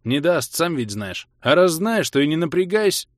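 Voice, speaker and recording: A man's voice: on the high side, sing-song, moderate pace, no room sound, pitched above the performer's own voice. A man playing a blunt impatient player-merchant.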